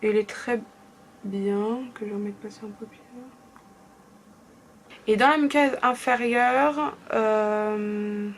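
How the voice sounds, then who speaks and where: A woman's voice: on the high side, gravelly, slight background noise. Chatty young woman murmuring through makeup. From France. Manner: chatty, often trailing off into murmurs. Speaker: beauty vlogger. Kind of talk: casual makeup tutorial chat.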